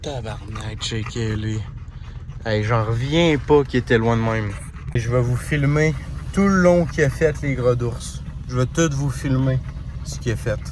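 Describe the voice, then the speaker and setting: A man with a Québécois French accent, vlogging casually outdoors in gravel pits and woods, rambling and swearing often. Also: medium pitch, a little slow, background noise. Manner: swears often, rambling and breathless while searching. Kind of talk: casual vlog narration outdoors.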